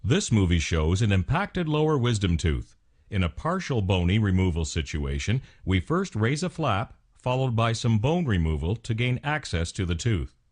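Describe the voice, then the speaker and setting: A man reading scripted instructional narration as a medical explainer, in a formal, measured, clinical way. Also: fairly low pitch, darkish tone, slightly rough. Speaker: narrator of dental explainer videos.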